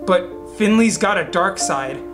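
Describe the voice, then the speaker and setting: A determined teenage girl trailing a classmate, read aloud by a man. The delivery is slow and even, as if reading chat messages off a screen. Plucked guitar music plays loudly underneath. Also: high voice. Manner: reading text messages aloud in a plain narrating voice. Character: teenage schoolgirl sleuth, determined and secretive. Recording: music playing loudly behind.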